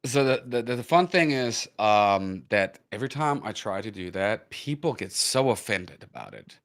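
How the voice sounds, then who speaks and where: A man with a German accent, hosting a casual cultural Q&A and explaining at length with restarts, sometimes slowing down to spell words out. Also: on the low side, very animated, a bit bright, dry recording. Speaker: host.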